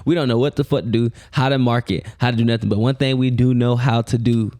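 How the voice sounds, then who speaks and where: A man co-hosting a podcast, easygoing and full of slang, who breaks into laughter often. His voice sits at an ordinary middle pitch and comes close through a headset mic. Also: fairly even intonation, quick pace, warm tone. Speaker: podcast co-host. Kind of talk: casual podcast chat. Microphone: headset earphones and mic.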